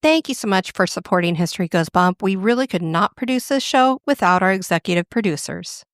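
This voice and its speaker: A woman's voice: medium pitch, lively intonation, a little fast, no echo, studio quality. A woman co-hosting a podcast in casual chat, making brief, upbeat asides. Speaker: podcast co-host.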